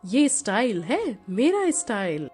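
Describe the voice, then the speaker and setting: A breezy young bride who boasts about her style, put on by a woman narrator. She talks with a high, lively pitch and a light, carefree manner. It is a storybook telling with faint music behind. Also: slow, slightly rough, heavily acted.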